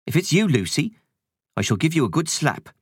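A man voicing a bustling, good-humoured middle-aged cleaning woman who fusses and is quick to take offence. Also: a little high, big pitch swings, breathy edge, no room sound, studio quality, voice pushed up. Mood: wary. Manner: brisk, fussing, easily affronted.

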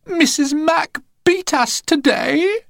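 Brief: high whiny spoilt storybook children. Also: male voice, animated, takes it slowly, vocal fry, no echo, studio quality, heavily acted. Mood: whining.

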